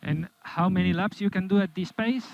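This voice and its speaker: A man working as a race engineer, giving measured, clipped instructions over team radio and repeating key orders. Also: sits high, vocal fry, dry recording. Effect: team radio transmission. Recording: dull, dry, lo-fi team radio.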